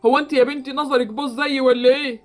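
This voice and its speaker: A woman voicing a kindly older male shopkeeper with an Egyptian accent, gently reassuring. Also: high-pitched, fairly even intonation, racing, close to an everyday voice. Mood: fatherly. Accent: Egyptian Arabic.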